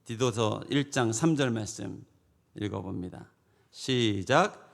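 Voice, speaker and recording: A middle-aged male pastor preaching a sermon emphatically, swinging from loud declarations to hushed asides. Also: fairly low pitch, lively intonation, takes it slowly, vocal fry.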